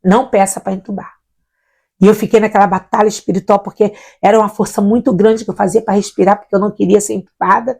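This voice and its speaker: A woman's voice: mid-range voice, quick pace, gravelly, hardly any pauses, husky. A middle-aged woman, a missionary guest, telling her personal faith testimony and acting out the voices of the people in it. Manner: animated storyteller acting out quoted voices.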